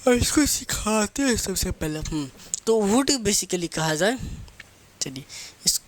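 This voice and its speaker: A man's voice: high-pitched, animated, slow. A man teaching English grammar for exam students, asking questions and answering them himself, mixing English phrases into his talk. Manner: asks a question and answers it himself, drilling terms; mixes English phrases into spoken Hindi. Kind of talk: lecturing for competitive exam students.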